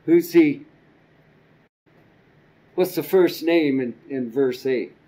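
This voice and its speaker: An older man teaching a church Bible class from a podium, slow and halting with frequent ums and repeated words. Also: fairly high pitch, warm tone, poor audio. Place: church classroom with a projector screen. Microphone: podium microphone.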